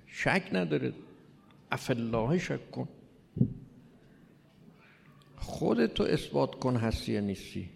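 A man's voice: medium pitch, gravelly. A man giving an informal religious lecture, telling it with rhetorical questions and mocking asides. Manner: rhetorical, mocking, lively storytelling. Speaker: religious speaker. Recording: long hall reverb.

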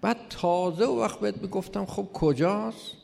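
A man's voice: high-pitched, gravelly. A man giving an informal religious lecture, telling it with rhetorical questions and mocking asides. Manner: rhetorical, mocking, lively storytelling. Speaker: religious speaker. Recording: long hall reverb.

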